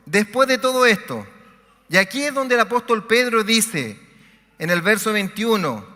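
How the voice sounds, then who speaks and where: A man preaching a sermon as pastor, reading scripture aloud with dramatic pauses on a convention stage mic. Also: very high-pitched, pushed and bright. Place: large convention hall. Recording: convention hall reverb.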